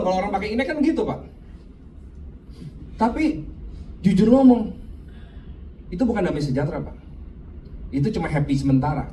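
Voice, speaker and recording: A man's voice: sits high, dark tone. A man giving a sermon with a personal testimony at a men's fellowship. He talks animatedly and keeps addressing his listeners directly. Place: church men's meeting room. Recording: echoey room, far from mic, light noise.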